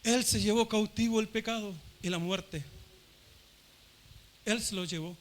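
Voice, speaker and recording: A man's voice: high-pitched, measured pace, slight background noise. A man from Chile preaching a fervent Pentecostal sermon, repeating his phrases for emphasis. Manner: fervent, repeats phrases, acts out shouting crowd voices.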